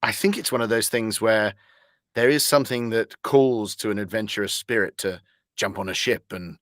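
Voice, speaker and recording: A voice actor being interviewed speaks in a fairly low, fairly bright voice at normal speed, wordy and articulate with whimsical phrasing. The conversation is recorded at studio quality with no room sound.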